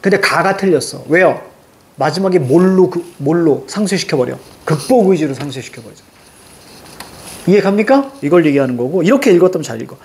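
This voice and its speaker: A man with a high-pitched voice teaching an online class. He speaks with lively energy and keeps checking in with quick, repeated questions to his students. Faint background noise sits under the recording. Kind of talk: online lecture.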